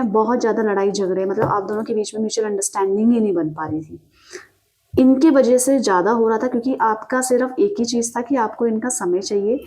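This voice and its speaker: Her voice is a little high with a darkish tone as this tarot reader addresses the listener directly on camera. She gives long explanations, asks rhetorical questions, and fills her speech with frequent fillers.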